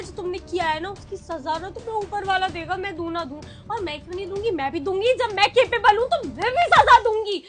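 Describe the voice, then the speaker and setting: A woman acting as a young wife in a family skit, accusing her husband loudly and emotionally. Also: very high-pitched.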